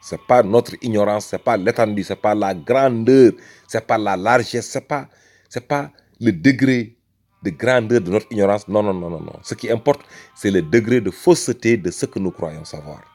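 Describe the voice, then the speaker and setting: A religious speaker from Senegal, with a fairly low, darkish voice at normal speed, delivers an impassioned argument. He uses emphatic rhetoric, repeats phrases, and calls the listener brother.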